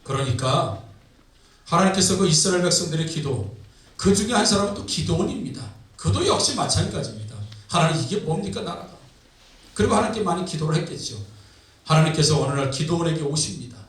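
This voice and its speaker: Male pastor telling a bible story in his sermon, kinda high voice, super echoey church, far from the mic. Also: expressive, fast talker. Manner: storytelling, dramatizing scripture. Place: church sanctuary.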